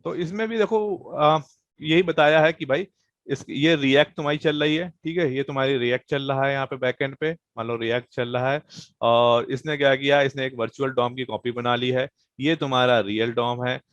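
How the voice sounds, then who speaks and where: A man's voice: mid-range voice, fairly even intonation, moderate pace, a bit bright, no room sound, dull audio. A man teaching a programming class online, explaining casually and checking in with students, with plenty of fillers. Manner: explains casually, many fillers and "thik hai" check-ins.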